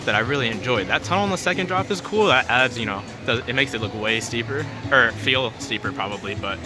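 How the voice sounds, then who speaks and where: A man's voice: mid-range voice, animated, fairly quick. A man vlogging casually outdoors at a theme park, rambling and thinking aloud into a handheld camera. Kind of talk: casual vlog chat to camera. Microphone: handheld camera at arm's length. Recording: loud music and outdoor park noise behind.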